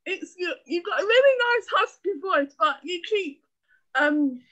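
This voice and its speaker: A woman's voice: very high voice, animated, measured pace, sharp tone, poor audio. A woman hosting a casual video call, calling on people one by one, chatty and laughing often. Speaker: meeting host calling on participants.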